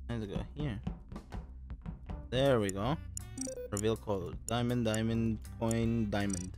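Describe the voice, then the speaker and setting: A man's voice: lowish voice, measured pace. A man talking casually over online game voice chat, muttering to himself as he plays. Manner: mutters to himself while playing. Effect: heard over online game voice chat. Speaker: gamer. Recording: background game music.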